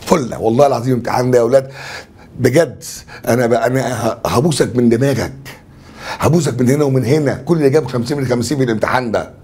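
Egyptian male teacher, rapid and higher-pitched, jokey exam review. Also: a little mellow. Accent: Egyptian Arabic. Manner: chatty, joking, brisk teacher explaining answers. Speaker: French teacher.

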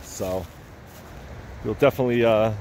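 A man's voice: normal speed, a little mellow. A man vlogging as he hikes a wooded lakeside trail, talking easily to the camera he holds and often restarting his phrases. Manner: easygoing, chatty, repeats and restarts phrases. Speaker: hiking vlogger. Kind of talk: casual walking commentary to camera. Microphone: handheld camera or phone held by the walker. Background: faint highway traffic.

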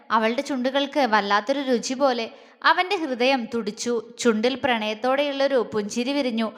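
A woman storyteller narrating a scripted romance story in a steady, expressive reading voice. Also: high voice. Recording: long reverb.

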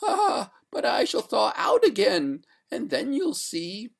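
A narrator voicing a genteel, haughty female water ghost in a storybook, pleading in drawn-out, breathy, melodramatic wails. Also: mid-range voice, huge pitch swings, pitched above the performer's own voice, full character voice. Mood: threatening.

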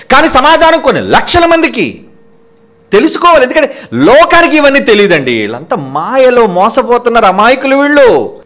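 A man's voice: sits high, a bit bright. A man preaching a sermon in a fiery, scolding manner, firing rhetorical questions at his listeners.

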